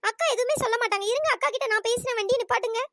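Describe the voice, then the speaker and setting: A performer voicing a clingy young girlfriend in a cartoon, sweet and cooing, with a pitch-shifted voice. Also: racing, a bit bright, dry recording, clean studio sound. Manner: sweet, cooing, calls him darling. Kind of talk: cartoon comedy voice acting.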